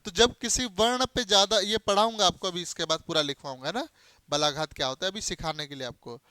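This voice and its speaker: A man's voice: high-pitched, fairly quick, pushed and bright, no echo, clean studio sound. A man teaching a Hindi grammar lesson to a class. He asks questions and answers them himself, repeating key terms and spelling out letters as examples. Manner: explains by spelling out letters and giving everyday examples.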